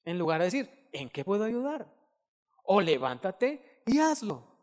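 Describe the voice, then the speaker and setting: A middle-aged man preaching a sermon, animated, acting out quotes and breaking into loud shouted bursts. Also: high-pitched, a little slow. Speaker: pastor. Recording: long hall reverb.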